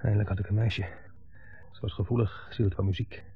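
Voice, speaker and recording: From a 1970s radio drama with dull sound, an actor speaks a little fast and with a steady tone, his lowish voice gravelly and husky. He plays a bitter grown son dominated by his mother in a brooding, intense monologue.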